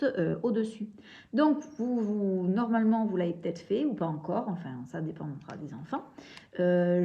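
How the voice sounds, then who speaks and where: A woman's voice: on the high side, dark tone, dull audio. A young woman teaching a reading and handwriting lesson, patiently walking through sounds step by step. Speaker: primary school teacher.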